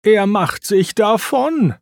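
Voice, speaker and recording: A man voicing an eager, excitable racing car hero in a storybook, with a high, strained voice. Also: slow pace, gravelly, dry recording, clean studio sound, exaggerated voice. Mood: excited. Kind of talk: storybook reading.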